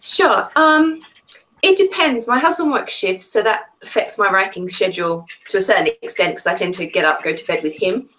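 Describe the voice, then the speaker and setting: A woman author and freelance editor explaining her routine in a steady, organized way on a casual video call. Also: medium pitch, normal speed, rough recording.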